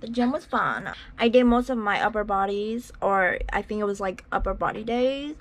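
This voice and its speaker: Expressive and medium-pitched, a young woman talks at a moderate pace in a casual vlog shot on a phone camera at arm's length. She rambles with many fillers, moving between a small bedroom and a parked car, with slight background noise.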